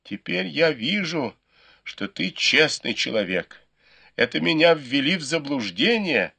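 A male reader voicing a cowardly, beaten young nobleman who whimpers and begs in shrill cries. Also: very animated, a little slow, creaky, sharp tone, slightly rough, heavily acted. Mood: pleading.

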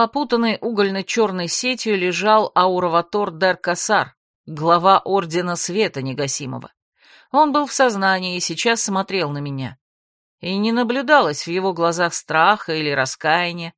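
A woman's voice: medium pitch, fairly bright tone, no echo. A woman narrating a fantasy audiobook in the first person, dry and matter-of-fact.

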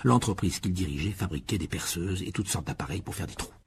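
A man reading a children's novel aloud as an expressive audiobook narration. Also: low voice, brisk, slightly rough. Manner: expressive storytelling.

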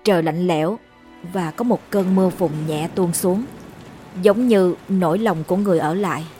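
A woman tells a ghost story in a calm, measured voice. Her pitch sits on the low side. Faint background music runs beneath the narration.

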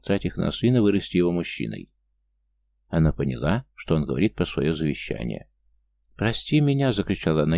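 A man reading a thriller aloud as an audiobook narrator, in a steady, restrained way with clipped dialogue. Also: sits low, vocal fry.

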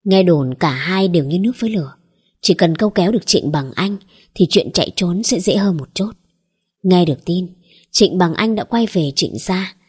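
Very husky, low woman narrating. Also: lively intonation, normal speed, darkish tone. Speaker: audiobook narrator. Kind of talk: scripted story narration.

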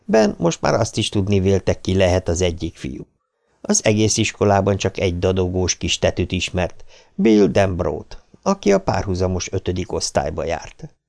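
A man reading an audiobook in an expressive, dramatic storytelling manner. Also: deep voice, creaky. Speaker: audiobook narrator. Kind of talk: scripted narration.

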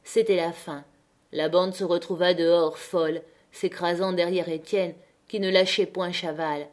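A woman narrating a classic novel as an audiobook, with measured, dramatic reading. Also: lowish voice, steady tone, a little mellow. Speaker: audiobook reader.

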